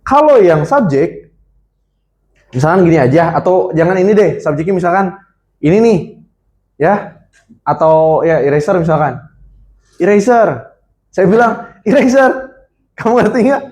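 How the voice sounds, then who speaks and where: Lively young man teaching a seminar. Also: a little high, normal speed, pauses often. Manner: lively, keeps quizzing the audience. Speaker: seminar speaker. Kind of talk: interactive classroom teaching. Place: college seminar room. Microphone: handheld microphone.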